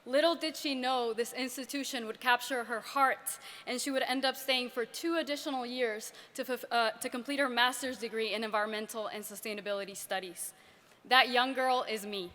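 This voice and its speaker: Bright high-voiced young woman in a hall. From Ecuador. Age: 20s. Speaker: graduate student speaker. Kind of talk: commencement speech. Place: large ceremony venue. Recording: reverberant hall.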